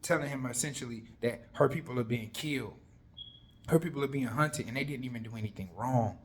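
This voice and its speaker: A man casually retelling a Bible story, animated and conversational, full of slang. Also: mid-range voice, a little fast, slight background noise.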